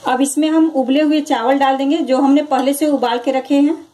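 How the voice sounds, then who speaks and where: High-voiced woman narrating a home recipe. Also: normal speed, poor audio. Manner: calm, instructive, repeats each step. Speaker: cooking channel host. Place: home kitchen, over frying sounds.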